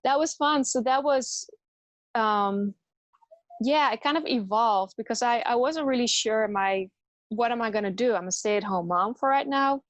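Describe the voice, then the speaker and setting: Woman from the Netherlands, yoga teacher guest, relaxed, laughs a lot, dry close sound. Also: fairly high pitch, a little slow, dry recording. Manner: relaxed, chatty, laughs often. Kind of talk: casual interview chat.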